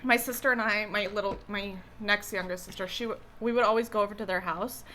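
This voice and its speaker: Rambling young woman, bright voice. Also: mid-range voice, steady tone, brisk, a little hiss or hum. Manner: rambling, hesitant, full of fillers and restarts. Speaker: co-host. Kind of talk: casual chat while eating.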